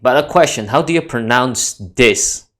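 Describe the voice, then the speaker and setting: A man's voice: mid-range voice, moderate pace, a bit bright. Playful young Indonesian-accented man on a video call. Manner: playful, argumentative, laughs often. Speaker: language-learning video host. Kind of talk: casual video chat.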